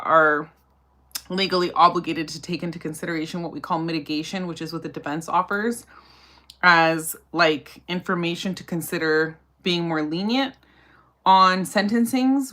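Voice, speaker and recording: A woman's voice: lowish voice, fairly bright tone. A woman, chatting casually on a livestream while doing her makeup, answering viewer questions about criminal law with plenty of fillers and asides. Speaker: livestream host and criminal defense lawyer.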